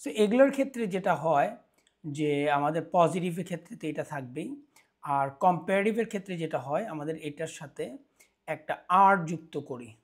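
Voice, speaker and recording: A man teaching English grammar, switching between Bengali and English and slowing down to spell out English example phrases. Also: fairly high pitch. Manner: slow, deliberate pace on English example phrases; asks questions and answers them himself. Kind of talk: explanatory lesson.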